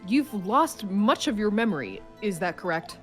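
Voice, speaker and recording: A woman's voice: mid-range voice, big pitch swings, moderate pace, natural voice. Woman as an accusing male defense attorney. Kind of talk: amateur video game voice-over. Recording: music behind.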